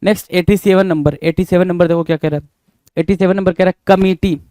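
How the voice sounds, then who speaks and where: A man's voice: sits high, fairly even intonation, dark tone, dry recording. A young man, teaching a spelling lesson and spelling words out letter by letter. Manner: repetitive, drawn-out and emphatic, often calls listeners bhai.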